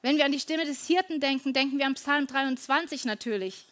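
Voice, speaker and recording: A woman's voice: high voice, fairly quick, fairly bright tone. A middle-aged woman giving an earnest, conversational devotional talk, often turning to her listeners with questions.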